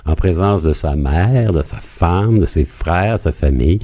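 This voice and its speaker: Low, dark-voiced Quebec historian storytelling. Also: male voice, a little slow. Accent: Quebec French. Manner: lively, expressive storyteller with wide pitch swings. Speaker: historian guest. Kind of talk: radio interview storytelling.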